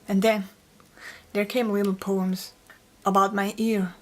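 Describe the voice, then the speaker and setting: A woman's voice: mid-range voice, level tone, slow, a little mellow. Woman, poet, reflective interview storytelling, mid voice, narrow melody. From Austria. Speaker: poet and author.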